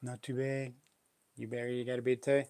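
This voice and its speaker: A man's voice: mid-range voice, flat delivery, a little fast, darkish tone, slight background noise. A middle-aged man with a broad New Zealand accent, chatting casually to livestream viewers in a laid-back, slangy, matey way. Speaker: livestream host.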